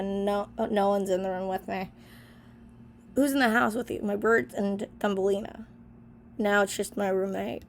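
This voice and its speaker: Young woman vlogger, sick and stuffy, gravelly fry in her voice, offhand chatty reading, faint hiss behind. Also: mid-range voice. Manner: chatty, reads each question then comments offhand with many fillers. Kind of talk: casual vlog, reading old journal answers aloud. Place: small bedroom in an apartment.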